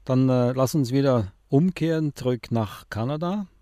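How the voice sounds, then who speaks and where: A man's voice: medium pitch, moderate pace, dark tone, dry recording, studio quality. A man hosting a radio book discussion, hesitant with frequent fillers as he asks questions. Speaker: radio show host.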